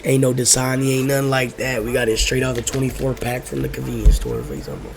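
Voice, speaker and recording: Quick and gravelly, with a level mid-range voice, this young adult American host tells personal stories as a crowd murmurs behind him. He talks like a relaxed stoner, slangy and profane, rambling, repeating himself, and wandering off topic.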